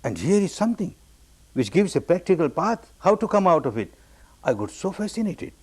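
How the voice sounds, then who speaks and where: A man from Burma giving a meditation discourse, telling his own story with repeated, emphatic phrases that jump up high on the key words. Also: very animated, a little fast, a little mellow. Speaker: meditation teacher.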